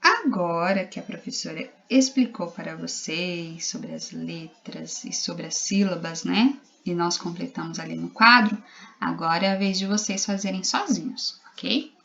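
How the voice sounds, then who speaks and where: A woman's voice: fairly low pitch, a little slow, vocal fry, a bit bright, highs cut off. A woman primary school teacher with a Brazilian Portuguese accent, giving a recorded literacy lesson to young children, spelling out letters and syllables patiently.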